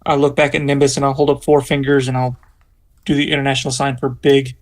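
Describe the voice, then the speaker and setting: A man playing a tabletop game, eager and joking, talking loudly. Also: medium pitch, completely flat delivery, fast talker. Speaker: player. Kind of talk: casual tabletop play.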